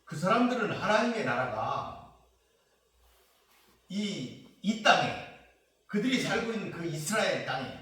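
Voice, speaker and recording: Male pastor preaching; animated, somewhat high delivery; heavy church reverb, off-mic. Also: measured pace, pauses often. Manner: explains scripture verse by verse, mocking quoted questions. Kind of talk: sermon. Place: prayer retreat church. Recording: very echoey church hall, mic at a distance.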